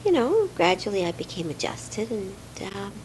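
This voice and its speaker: An older woman from Romania, recalling her childhood in a hesitant, reflective home interview with many pauses and fillers. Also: mid-range voice, sing-song, noisy background. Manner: hesitant, many fillers, soft trailing words.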